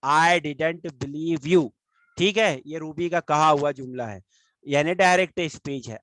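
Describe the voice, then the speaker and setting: A male teacher from India walks through a grammar lesson in a fairly high voice. He stretches the English example sentences out slowly so each word lands. The sound is close and dry, with no room echo. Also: a bit bright.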